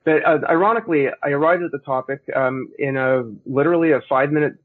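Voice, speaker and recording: Middle-aged man, Canadian accent, quick pace, husky edge, explanatory interview guest, thin telephone sound. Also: fairly high pitch. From Montreal, Canada. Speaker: guest, historian and author. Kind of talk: conversational interview answers. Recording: tinny narrow phone-like line.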